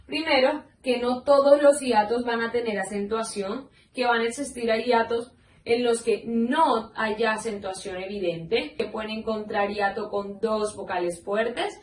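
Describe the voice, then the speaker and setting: A woman's voice: a little high, recorded from a distance, slight background noise. A woman teacher giving a recorded online grammar lesson, explaining step by step and putting questions to her class. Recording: echoey room, voice slightly off-mic.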